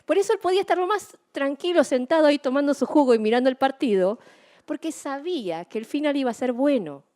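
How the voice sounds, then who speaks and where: Middle-aged woman preacher, lively, expressive storyteller who acts out her own outbursts. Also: high voice, fast talker. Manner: animated storytelling, acting out her own excited shouts. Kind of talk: sermon.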